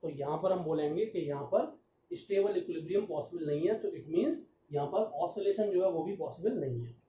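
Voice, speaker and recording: A young adult male physics teacher explains a problem step by step, tossing rhetorical questions at his class. His voice sits high but dark and mellow, with on the phrases. The recording is roomy, distant and muffled. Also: expressive, fairly quick. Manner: mixes English phrases into Hindi. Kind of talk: exam-prep lecture. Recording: echoey, distant, muffled lo-fi audio with faint background noise.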